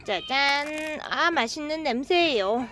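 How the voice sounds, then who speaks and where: A woman's voice: sits high, expressive, takes it slowly, background noise. A woman running an animal cafe, talking casually to viewers and calling her cats over in a sing-song, coaxing voice outdoors in her yard. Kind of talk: casual vlog narration to viewers.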